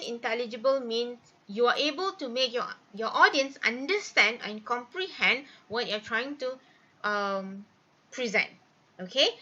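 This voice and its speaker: Woman lecturer, fairly high bright voice, lo-fi recording, explanatory with "okay" check-ins. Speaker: teacher.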